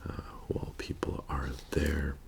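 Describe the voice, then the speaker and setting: A man in a whispered role-play as a methodical bank heist planner, speaking in a soft, whispery, halting and matter-of-fact murmur. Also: a bass voice, monotone, creaky, heavily acted. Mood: calm, methodical. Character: methodical male bank heist crew planner briefing his team.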